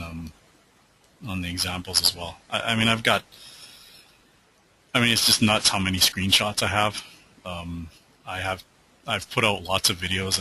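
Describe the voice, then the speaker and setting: Low bright-voiced guy rambling thru a trading webinar q&a, losing his voice, faint hiss on the mic. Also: low-quality recording. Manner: loose, rambling, many fillers and restarts. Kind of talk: casual live webinar Q&A.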